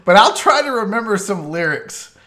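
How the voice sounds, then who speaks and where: A man's voice: high voice, sing-song, normal speed, bright, forceful tone. A man in his forties hosting a casual radio talk show, telling stories animatedly and swearing freely. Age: 40s. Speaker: host.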